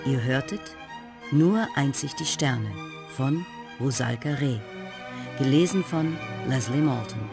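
A woman narrating a children's radio story, with a gentle, expressive way of telling it. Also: a bass voice, takes it slowly, gravelly, music in the background.

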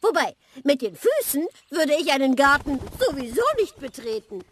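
Man playing a chirpy, quick-witted young woman, high falsetto, faint noise behind. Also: very animated, a bit bright, full character voice.

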